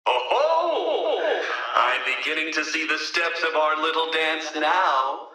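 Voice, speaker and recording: An actor playing a smug, condescending criminal mastermind in a video game, pompous and taunting, with theatrical delivery and an echoing broadcast effect. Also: male voice, fairly high pitch, expressive, slow, bright, forceful tone, distant mic, exaggerated voice. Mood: amused, scornful.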